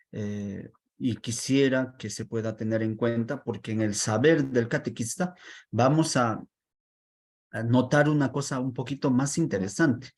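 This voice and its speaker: A man teaching a catechism class, speaking in an unhurried, reflective way, with frequent pauses, fillers and rhetorical questions. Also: mid-range voice, darkish tone. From Peru. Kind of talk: online class lecture.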